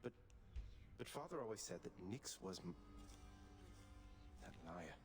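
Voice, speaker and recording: A man's voice: medium pitch, wildly swooping pitch, a little slow, gravelly, heavily acted. A man voicing a defiant young prince of the underworld, speaking in a shocked, questioning way.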